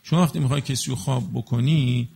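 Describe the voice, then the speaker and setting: A man preaching in a casual spoken style, explaining with everyday examples and checking in with listeners, slowing into chanted Arabic blessings. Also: mid-range voice, steady tone, creaky, darkish tone, breathy edge. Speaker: religious preacher. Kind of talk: colloquial religious talk to an audience.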